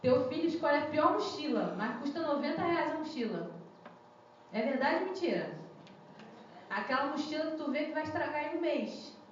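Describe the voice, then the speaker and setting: This young woman's high-pitched, expressive voice carries a conversational sermon at a normal pace, full of questions aimed at the congregation. The recording, made in an echoey church hall, sounds muffled and lo-fi, with a slight hiss or hum.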